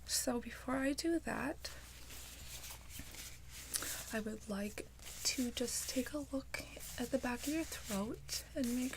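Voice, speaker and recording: A woman doing an ASMR role-play as a caring nurse, with a gentle, reassuring bedside manner. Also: a little high, noisy background. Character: caring, attentive female nurse. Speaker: ASMR performer playing a nurse.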